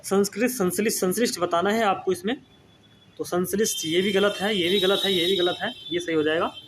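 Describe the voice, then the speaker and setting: A young male teacher with a high, fairly bright voice and fairly even intonation talks fairly quickly through a Hindi spelling lesson aimed at exam prep. Patient and repetitive, he keeps checking on his students, often with "ठीक है ना", over a faint hiss or hum.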